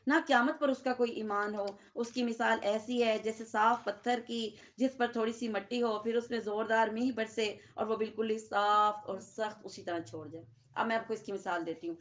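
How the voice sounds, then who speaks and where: A woman with a Pakistani Urdu accent giving a Quran lesson to seated listeners, talking conversationally and often asking the room checking questions. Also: a little high. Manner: conversational, asks the audience frequent checking questions. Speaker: Quran teacher.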